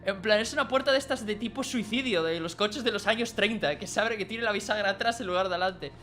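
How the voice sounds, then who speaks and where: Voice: mid-range voice, quick pace, soft background music. Rambling storyteller. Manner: animated, rambling, drops to quiet asides. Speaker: streamer. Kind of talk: casual storytelling of a dream.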